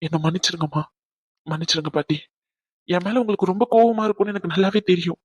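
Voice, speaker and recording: A man's voice: high voice, quick pace, breathy edge, no echo. A man voicing a remorseful young groom in a cartoon drama, who pleads and apologizes with a faltering voice. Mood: apologetic.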